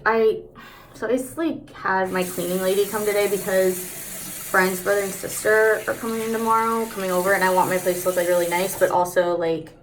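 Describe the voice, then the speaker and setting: A woman's voice: medium pitch, slight background noise, low-quality recording. A woman chatting casually through a makeup tutorial, candid, slangy and sweary, talking out of the side of her mouth.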